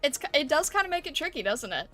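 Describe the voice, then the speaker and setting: Woman, high voice, casual streamer chat, conversational, questioning tags, music in background. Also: big pitch swings, quick pace, pushed and bright. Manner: conversational, often ends with tag questions. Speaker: streamer hosting an art livestream.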